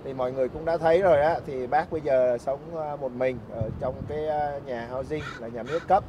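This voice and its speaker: A man's voice: mid-range voice, steady tone, brisk, lo-fi sound, noisy background. A man hosting a casual interview, attentive and agreeable, often murmuring assent. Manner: attentive, agreeable, frequent backchannel. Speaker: host.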